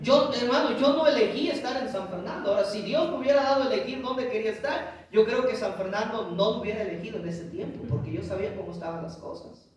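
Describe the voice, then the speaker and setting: A guest pastor, a man with a high voice, preaches emphatically and keeps calling his congregation brothers. He is picked up from a distance, with heavy echo and faint room noise around him. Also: fast talker. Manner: emphatic preaching, often addressing listeners as brothers. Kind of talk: sermon. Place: church hall.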